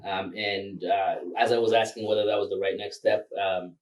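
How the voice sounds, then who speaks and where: A Rwandan filmmaker whose first language is Kinyarwanda talks loosely as a guest in a casual interview, using many fillers and laughing often. His low, level voice moves at a normal speed but sounds far from the mic, and the audio is poor.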